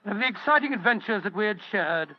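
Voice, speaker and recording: An actor playing a genial, slightly bumbling elderly British doctor telling stories in an old radio drama. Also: male voice, sits high, animated, quick pace. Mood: nostalgic. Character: elderly genial English doctor, loyal sidekick and storyteller. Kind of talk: 1940s radio acting. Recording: dull old radio recording.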